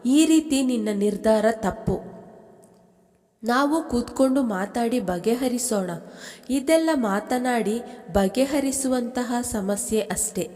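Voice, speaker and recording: A woman's voice: a little high, dark tone, long reverb tail. A woman voicing an earnest young husband who pleads with his wife to talk things over. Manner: pleading, reasoning.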